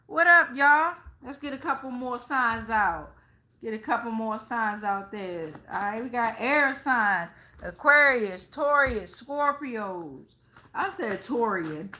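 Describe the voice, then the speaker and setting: Hosting a live stream, a middle-aged tarot reader with an American accent gives a casual, sassy reading with plenty of emphasis and free swearing, in a slightly high, sharp voice.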